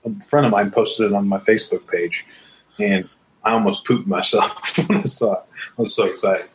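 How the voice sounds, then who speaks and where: A man co-hosting a casual podcast, talking in an excitable, rambling way and laughing often. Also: on the low side, moderate pace, a little hiss or hum, rough recording. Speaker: podcast co-host.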